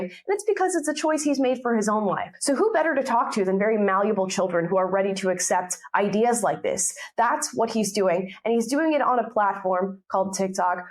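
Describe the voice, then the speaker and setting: A woman hosting an opinion commentary show, speaking assertively and emphatically. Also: mid-range voice. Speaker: host.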